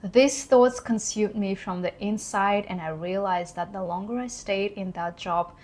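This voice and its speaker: Her tone is darkish and her mid-range voice a little slow. She is a thirty-something vlogger from Kazakhstan, sharing earnest, reflective thoughts in accented English, her second language, and sometimes laughing.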